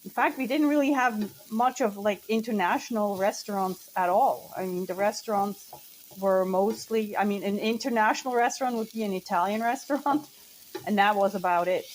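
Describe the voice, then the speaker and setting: Swiss lady rambling along while she cooks, middle pitch, faint kitchen noise and pan sizzle behind her. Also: moderate pace. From central Switzerland. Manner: chatty, rambling, self-correcting. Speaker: cooking vlogger. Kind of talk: casual chat while cooking. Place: home kitchen.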